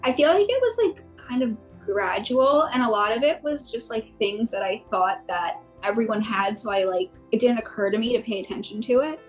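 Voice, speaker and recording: A woman's voice: fairly high pitch, expressive, moderate pace, hardly any pauses, soft background music, rough recording. A woman in her late twenties answering interview questions in an easygoing way, with fillers. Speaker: interviewee with dysautonomia.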